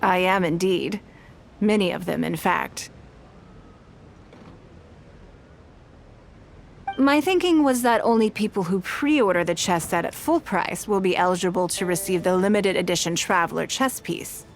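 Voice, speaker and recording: A woman plays an elegant, shrewd, courteous businesswoman in scripted video game dialogue, with background music behind her. Her voice is on the low side and creaky, and her delivery is poised, measured, and articulate yet animated. The mood is playfully shrewd.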